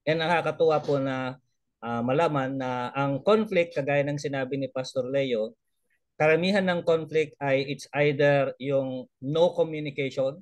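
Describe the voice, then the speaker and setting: A man's voice: medium pitch, steady tone, moderate pace, dry recording. A man, sharing a report in a casual video-call talk, mixing in English, chuckling and restarting his phrases. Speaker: elder trainee sharing a report.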